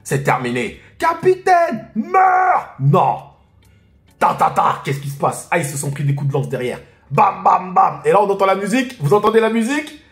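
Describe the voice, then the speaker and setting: A man reading a manga chapter aloud and reacting to it for viewers, in excitable, slangy casual talk that bursts into shouts and laughter at the fights. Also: sits high, quick pace, echoey room, soft background music.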